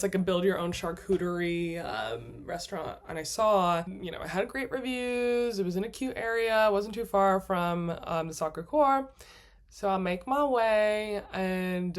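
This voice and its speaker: A woman vlogger telling a travel story in a casual, gushing way, laughing often and acting out her own thoughts in quoted asides. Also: medium pitch. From United States. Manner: chatty, gushing, laughs often mid-sentence.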